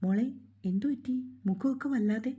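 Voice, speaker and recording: A doting older housekeeper who keeps coaxing and fretting over the girl, as a woman reading the story puts her on. The voice sits higher than the reader's own, mellow and dark in tone. The recording is dull and lo-fi. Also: moderate pace, lightly acted. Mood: fussing. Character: kind older woman housekeeper, motherly and fussing.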